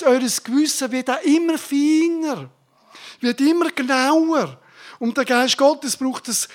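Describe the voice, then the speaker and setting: A woman's voice: sits high, a little mellow. A woman preaching a sermon to her congregation, speaking directly and informally and breaking into fervent bursts of praise.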